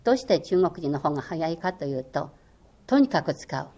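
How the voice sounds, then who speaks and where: Her voice is low, mellow, and expressive, and she talks slightly quickly. She is an older former radio language lecturer whose first language is Chinese, responding to interview questions in an earnest, encouraging manner full of hesitant fillers.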